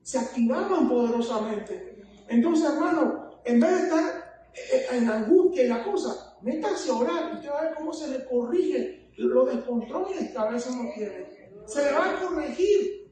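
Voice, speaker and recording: A woman's voice: sits high, expressive, normal speed, warm tone. Fervent woman preaching in an echoey hall. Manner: fervent, keeps addressing listeners as "hermano". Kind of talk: sermon. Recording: echoey hall, distant mic, faint noise.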